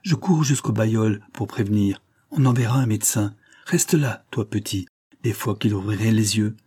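A man's voice: on the low side, normal speed, warm tone, breathy edge, dry recording, studio quality. A man voicing a tall, bearded, blond woodsman who speaks urgently and out of breath, in a read-aloud story.

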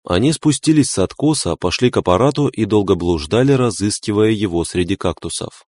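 A male narrator reading a novel aloud in a steady, unhurried way. His voice sits very low, and the recording is dry and close with no room sound. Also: no echo. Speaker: audiobook narrator. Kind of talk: scripted narration.

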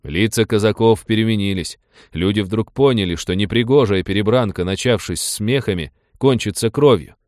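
A man's voice: fairly low pitch, normal speed, darkish tone, no echo, clean studio sound. A man narrating an audiobook, reading expressively and voicing every character himself.

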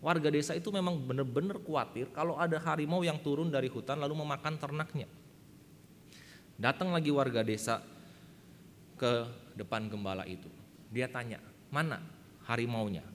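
A man's voice: on the high side, a little fast, pauses often, long reverb tail, slight background noise. A man preaching a sermon, emphatic and often addressing the congregation directly, telling a story. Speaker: pastor. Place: church hall.

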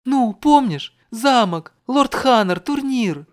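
A man voicing a flustered, sharp-tongued young woman who bursts out in shrill exclamations. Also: animated, slow, full character voice. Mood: pleading. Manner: shrill, exclaiming, emotional outbursts.

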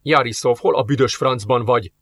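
A man's voice: mid-range voice, a bit bright, dry recording. A man reading an audiobook, voicing a tense male police captain under fire, curt and strained.

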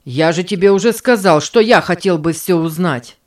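A woman voicing a bitter, distrustful boy who speaks in a sharp, raised, resentful way. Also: lowish voice, moderate pace, close to an everyday voice. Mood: angry.

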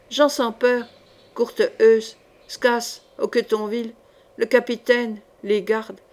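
A woman reading an adventure novel aloud as scripted narration, with expressive storytelling. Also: on the high side. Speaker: audiobook reader.

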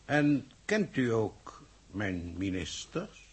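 An actor in a 1960s Dutch radio drama plays an unruffled, evasive head of government, sounding formal, measured, condescending and dryly ironic with a suave air. His male voice sits on the low side and is slightly rough, with big pitch swings and a heavily acted delivery.

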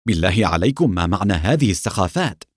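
A man's voice: low-pitched, big pitch swings, quick pace, no echo, clean studio sound. A man reading as a curt, irritated engineer. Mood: annoyed. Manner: curt and indignant. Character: impatient, irritable male engineer.

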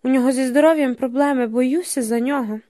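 A woman's voice: high-pitched, brisk, warm tone, close to an everyday voice. A woman reading the part of a nervous, guarded man who answers hesitantly. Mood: uneasy. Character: nervous wary man from the city.

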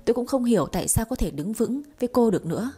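A woman's voice: on the high side, expressive, rapid-fire, mellow, slightly rough. A woman voicing an exasperated young husband who grumbles in a put-upon way in a storybook.

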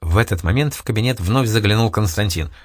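A man reading a novel aloud as an expressive narrator, close to a studio mic. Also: fairly low pitch, quick pace, no room sound. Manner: expressive reading, voicing every figure. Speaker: audiobook narrator. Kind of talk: scripted narration.

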